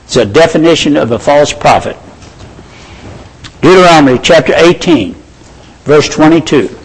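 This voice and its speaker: A man delivers a sermon in a high voice. He speaks to his listeners as brethren and friends. He reads out scripture and quotations at a steady, measured pace. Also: husky, poor audio. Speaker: preacher.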